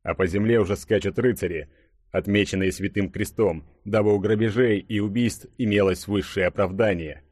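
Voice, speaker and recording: Brief: male audiobook narrator, low voice, dramatic measured delivery, dry close sound. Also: steady tone, darkish tone, no echo.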